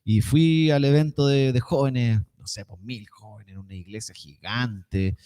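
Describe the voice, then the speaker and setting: A man's voice: medium pitch, steady tone, unhurried, mellow. A young man with a Chilean Spanish accent preaching a sermon, telling a personal story in a casual, slangy way.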